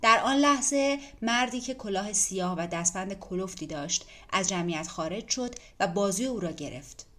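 A woman's voice: medium pitch, lively intonation, pushed and bright. Woman narrating a dramatic audiobook. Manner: measured, dramatic storytelling. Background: faint music.

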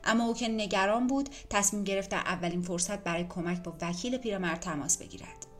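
A woman narrating an audiobook in a measured, dramatic manner. Her voice sits in a medium range. Faint background music plays throughout. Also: medium pitch.

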